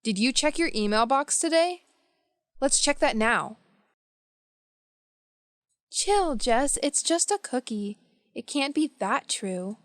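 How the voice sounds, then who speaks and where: A woman speaking slowly and carefully in a scripted beginner English dialogue. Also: high-pitched, animated, no echo, studio quality.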